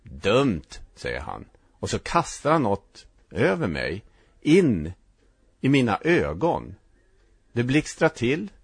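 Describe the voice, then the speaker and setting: A man narrating a first-person story in a reflective, halting way, with short clipped sentences. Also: mid-range voice, huge pitch swings, husky, no echo.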